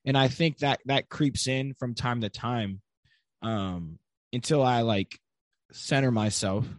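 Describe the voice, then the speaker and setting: A man's voice: medium pitch, takes it slowly, no room sound, clean studio sound. Earnest young man telling stories. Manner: earnest, storytelling with lots of "like" fillers. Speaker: podcast guest. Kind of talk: casual conversational interview.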